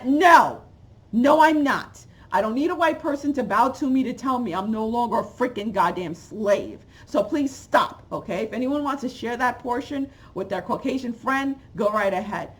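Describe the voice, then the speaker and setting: A fired-up woman in her forties, originally from Haiti and raised in New York, rants into a webcam at close range in a room at home with bookshelves. Her fairly high voice swings animatedly between loud exclamations and low, muttered asides. She is a channel host delivering an opinionated vlog rant.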